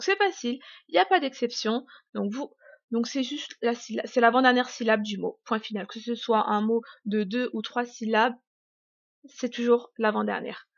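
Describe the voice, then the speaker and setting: Chatty woman teacher, fairly high voice. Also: gravelly, dry recording, lo-fi sound. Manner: chatty, many fillers and restarts; slow exaggerated stress on example words. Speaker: English teacher. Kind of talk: YouTube pronunciation lesson.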